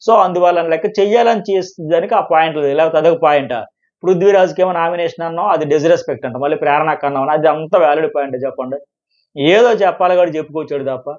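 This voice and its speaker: A man giving fast live commentary on a reality show, emphatic and excitable. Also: on the high side, muffled recording. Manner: excited, emphatic, quotes contestants in quick bursts.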